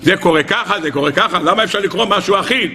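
A man preaches a Torah lesson in a high, bright voice. He teaches in a sing-song rhythm, firing rhetorical questions and briefly acting out the voices in his texts. His tone stays lively and pointed throughout. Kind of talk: animated Torah sermon.

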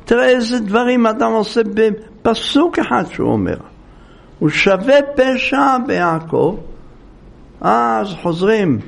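High-voiced older man giving a sermon. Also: big pitch swings, creaky. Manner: storytelling, acting out quoted speech. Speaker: religious teacher. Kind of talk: Torah lecture to listeners.

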